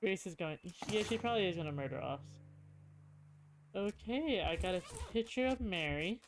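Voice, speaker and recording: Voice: mid-range voice, lively intonation, normal speed, slight background noise, rough recording. Hesitant game streamer thinking aloud. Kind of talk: casual playthrough commentary, reading game text aloud.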